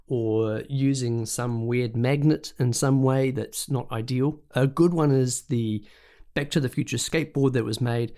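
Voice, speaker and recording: A man hosting a solo podcast, chatty and jokey, slowing down to stress his points. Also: medium pitch, mellow. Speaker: podcast host.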